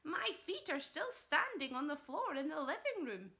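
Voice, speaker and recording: Woman doing a loud, high, attention-seeking old granny. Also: big pitch swings, heavily acted. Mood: loud, indignant. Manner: shouting, emphatic, drawn-out words.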